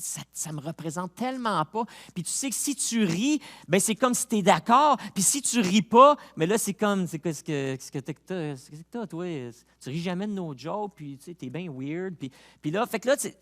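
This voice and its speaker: A man with a Québécois French accent, a pastor preaching a sermon in a conversational, animated way with many restarts. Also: sits high.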